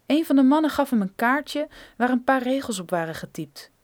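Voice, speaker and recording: A woman reading a thriller audiobook in a steady, measured storytelling manner. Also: high voice. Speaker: narrator.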